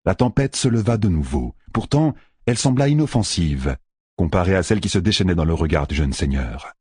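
A man narrating an audiobook in an expressive, dramatic reading style. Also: low-pitched, a little fast, slightly rough, dry recording, clean studio sound. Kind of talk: scripted narration.

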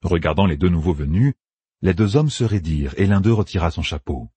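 A man narrating a fantasy audiobook with expressive storytelling. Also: sits low, fairly quick, slightly rough, no echo. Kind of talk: scripted narration.

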